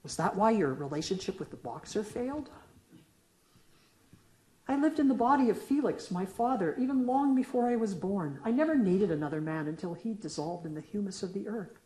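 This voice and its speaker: A middle-aged woman poet reads her own work to an audience in an echoey lecture room, shifting between a question-and-answer poem and casual asides between pieces. Her mid-range voice is warm, with lively intonation at a moderate pace.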